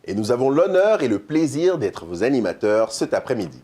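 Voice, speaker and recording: A man with a deep voice, hosting an event and reciting a slam text in a measured, rhythmic way. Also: sing-song, dark tone. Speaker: host and slam artist.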